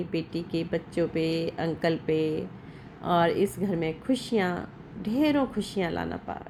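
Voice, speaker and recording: A woman's voice: medium pitch, a little hiss or hum. A middle-aged woman recording a devotional gratitude talk at home. She speaks fervently, repeats her thanks again and again, and speaks straight to her guru. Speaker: devotee giving a gratitude testimony.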